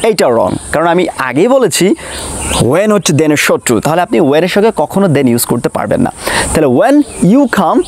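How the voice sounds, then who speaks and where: A man teaching an online English grammar lesson, mixing English into Bengali and drilling example sentences slowly. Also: fairly high pitch, very animated, a little hiss or hum.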